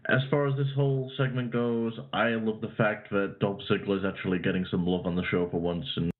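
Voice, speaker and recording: A man's voice: fairly low pitch, flat delivery, fairly quick. A man co-hosting a podcast in casual wrestling chat, his call dropping out over a headset. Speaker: podcast co-host. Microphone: headset on an online call. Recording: tinny call line.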